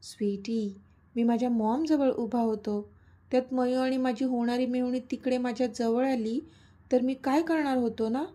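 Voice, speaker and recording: A woman's voice: fairly high pitch, steady tone, moderate pace, mellow, close to an everyday voice. A woman voicing a playful, teasing young man, the romantic lead of a spoken story.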